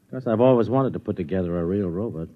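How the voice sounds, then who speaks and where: An actor playing a flustered, wavering husband and keen tinkerer in a 1950s radio drama, stammering and blustery, on a muffled old recording. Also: male voice, low-pitched, fairly quick, close to an everyday voice. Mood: eager, excited.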